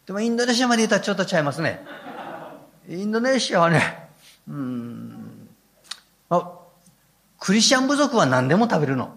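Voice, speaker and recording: A man's voice: high voice, sing-song, a little fast, creaky, long pauses, fairly bright tone. An older man, preaching a sermon as a pastor with folksy, humorous storytelling.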